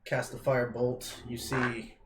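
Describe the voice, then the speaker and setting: A player in a tabletop game, speaking in a low-key, playful way. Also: level tone, slow pace. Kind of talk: casual tabletop play. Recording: echoey room with noise.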